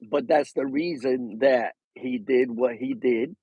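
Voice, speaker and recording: A man telling a story in casual chat, animated and slipping into Spanish. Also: medium pitch, takes it slowly, breathy edge, dry recording, lo-fi sound. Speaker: boxing show guest.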